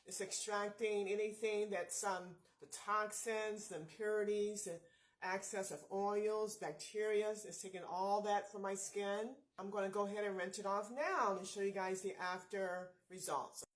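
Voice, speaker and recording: A woman beauty vlogger walks through a skincare routine in a relaxed, chatty way. She keeps speaking straight to her viewers with easy encouragement. Her voice sits at an ordinary middle pitch. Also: a little slow, rough recording. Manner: chatty, often addresses viewers as you guys; upbeat, encouraging pep talk. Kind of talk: casual skincare tutorial.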